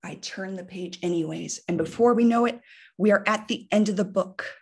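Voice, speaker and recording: A woman giving an impromptu storytelling speech at a speaking club over a video call, telling the story in a deliberate, animated way. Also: medium pitch, slightly rough.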